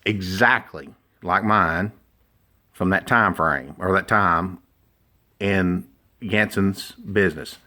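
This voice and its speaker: Slow-talking man with a lowish voice. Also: bright, forceful tone. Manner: deliberate, emphatic, opinionated. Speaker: duck call maker. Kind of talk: informal product explanation and demonstration.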